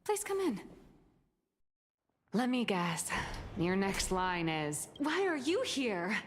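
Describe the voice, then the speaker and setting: A woman's voice: mid-range voice, very animated, slow, a little hiss or hum. A woman voicing a smug, scheming Furbo magazine boss in a game cutscene. She talks in a theatrical, self-satisfied way. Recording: reverberant with game music.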